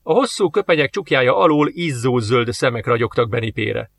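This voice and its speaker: A man narrating an audiobook with steady storytelling. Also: medium pitch, creaky. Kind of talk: scripted narration.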